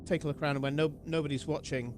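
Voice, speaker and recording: A man with a British accent, casually describing his character's actions in a tabletop game, halting and swearing. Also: fairly high pitch, fairly even intonation, music in the background. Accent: British English. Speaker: player.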